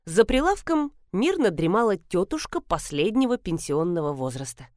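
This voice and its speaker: A woman's voice: lowish voice, big pitch swings, normal speed, a little mellow, no echo, studio quality. A woman narrating an audiobook in the first person, with a wry storytelling manner.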